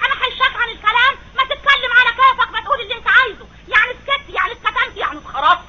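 زوجة ثرثارة حادة الصوت. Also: female voice. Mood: scolding. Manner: nonstop fast nagging, shrill. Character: chatty nagging wife, middle-aged, scolding. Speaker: actress in comedy sketch. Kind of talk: vintage radio comedy acting. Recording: dull old radio recording with hiss.

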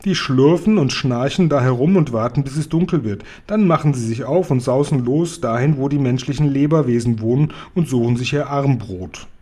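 A man's voice: mid-range voice, moderate pace, few pauses, mellow, lightly acted. A man voicing a kind, big friendly male giant from a storybook, who talks in a folksy way and mangles his words. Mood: earnest. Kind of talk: bedtime story reading.

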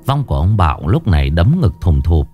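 Low-voiced man narrating a ghost story. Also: brisk. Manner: lively, expressive reading.

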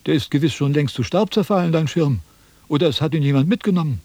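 An actor playing a vain, pompous philosopher in a 1970s radio drama, lecturing and easily indignant. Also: male voice, a little high, fast talker, warm tone, no echo, lightly acted. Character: vain, pompous old male Chinese philosopher.

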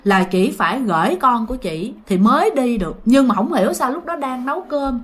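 A Southern Vietnamese woman tells a story in a casual, chatty way. Her pitch sits a little high and moves a great deal, and she often backtracks to fix details and speaks right to her listeners. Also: lively intonation, fairly quick. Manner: chatty, digressive, corrects herself, addresses listeners directly.

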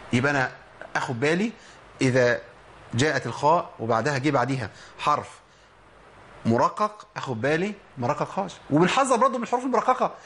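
A man's voice: fairly high pitch, fairly bright tone. A man with an Egyptian Arabic accent teaching Quranic pronunciation, explaining step by step and answering his own questions. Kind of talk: instructional lesson on pronunciation.

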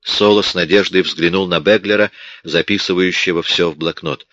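A man narrates a crime novel in a steady, even manner. His voice is very deep and dry. The recording has a dull, muffled quality. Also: moderate pace, no room sound. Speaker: audiobook narrator.

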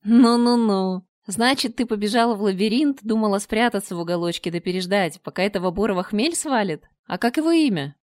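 A woman's voice: medium pitch, expressive, a little fast, few pauses, a little mellow, no echo, studio quality, natural voice. A woman voicing an ancient female spider monster that murmurs slyly and grumbles, in an audiobook reading. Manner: murmuring, sly, clicking and smacking.

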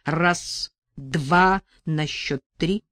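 A woman's voice: low-pitched, drawn-out words, a bit bright, dry recording, studio quality, exaggerated voice. A woman reading an audiobook and voicing a crude, threatening male gangster who speaks bluntly in slang. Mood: menacing.

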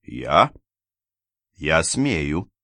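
A stern provincial investigator presses his accusations with firm, controlled insistence, played by a man. His voice is very low and the sound is dry and close. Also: very animated, extremely slow, pushed and bright, no echo, full character voice. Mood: accusing.

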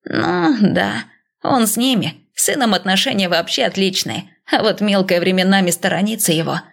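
A gentle male god speaks softly and hesitantly, with a slightly gravelly edge, as a woman reads him aloud. His reassurances come measured and cautious, like a calm deity in an audiobook. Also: medium pitch.

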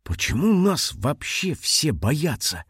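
A man's voice: fairly high pitch, very animated, slow pace, a bit bright, slightly rough, no room sound, clean studio sound, voice pushed up, full character voice. A man reading an audiobook and voicing a curious, brave young boy in a raised, boyish voice. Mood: eager. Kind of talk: audiobook character voice.

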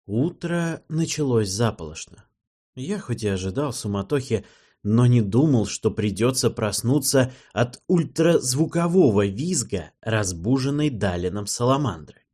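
Husky guy reading a fantasy audiobook, voice moves around a lot. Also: mid-range voice, expressive, unhurried, a little mellow. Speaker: audiobook narrator. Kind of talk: audiobook narration, first person.

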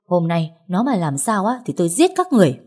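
A woman reading a story voices a furious young mother who hurls shrill accusations. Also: lively intonation, a little fast, dark tone, breathy edge. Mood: enraged.

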